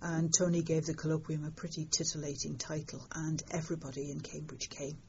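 An older woman, telling stories in an interview in a lively, wry way. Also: low-pitched, a little fast, a little hiss or hum. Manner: lively storytelling, fond of understatement. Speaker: interviewed astronomer. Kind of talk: conversational interview. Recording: dull lo-fi sound.

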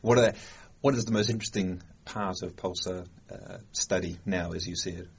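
A man interviewing a scientist, asking questions in a halting way as he searches for words. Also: sits low, gravelly, breathy edge. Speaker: podcast interviewer. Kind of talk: conversational interview. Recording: dull lo-fi sound.

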